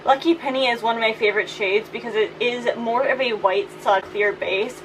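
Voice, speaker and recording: Female vlogger, fairly high voice, informal and playful chat, recorded with noticeable fan noise. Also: brisk. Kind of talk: casual beauty declutter chat. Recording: steady fan noise behind voice. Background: fan running.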